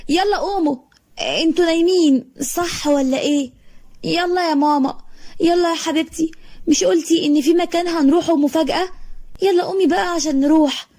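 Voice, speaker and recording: A woman's voice: a little fast, darkish tone. A woman voicing a grieving young girl in an Egyptian storybook tale, pleading hysterically with her fallen family. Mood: frantic pleading. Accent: Egyptian Arabic. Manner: pleading, hysterical, high and tearful.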